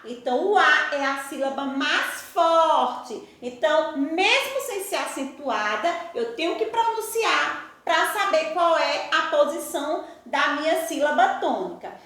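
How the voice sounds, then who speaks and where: Brazilian woman teacher, slow and drawn out, bright lively voice. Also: high-pitched. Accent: Brazilian Portuguese. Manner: slow, drawn-out, emphatic over example words. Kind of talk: recorded school lesson. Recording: very echoey room.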